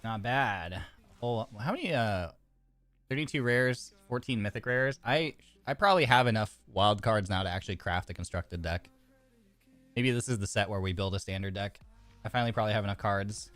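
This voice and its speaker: On a card game stream, a man with a lowish, fairly bright voice and lively intonation talks at a moderate pace, chatting casually and reading card text aloud. He restarts often, uses plenty of fillers, and sounds slightly congested from a sore throat.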